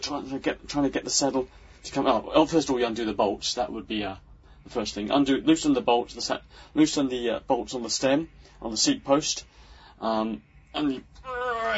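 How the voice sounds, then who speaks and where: A man's voice: mid-range voice, husky, highs cut off. A man and podcast host telling a casual, rambling story full of ums and restarts. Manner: rambling, hesitant, lots of ums. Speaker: podcast host and unicycle performer. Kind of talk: casual anecdote.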